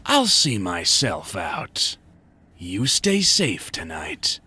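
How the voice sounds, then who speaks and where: A man playing a leering delivery man in a video game, mock-friendly and menacing, with a husky voice that drops into whispers. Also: low voice, huge pitch swings, drawn-out words, bright, forceful tone, a little hiss or hum, exaggerated voice.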